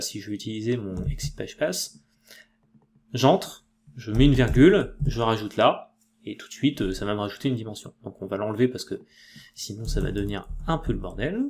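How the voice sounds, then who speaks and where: A man with a French accent giving a casual software tutorial, chatty and loose, with many fillers and self-corrections. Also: mid-range voice. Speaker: tutorial presenter.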